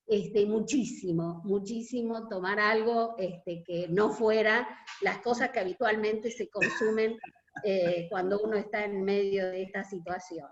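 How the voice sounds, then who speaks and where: A woman with an Argentine accent, a union delegate, earnestly recalling a protest march in an online meeting. She pauses often and fills gaps as she talks. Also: mid-range voice, highs cut off. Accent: Argentine Spanish. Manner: hesitant, many filler pauses, earnest. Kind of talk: reminiscing testimony in an online meeting.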